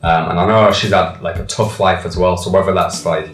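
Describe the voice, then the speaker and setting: A man's voice: sits low, steady tone, brisk, fairly bright tone. A man talking about an old friend in a thoughtful, hesitant way, with many "like"s, in a documentary interview. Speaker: childhood friend. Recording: roomy sound with background music.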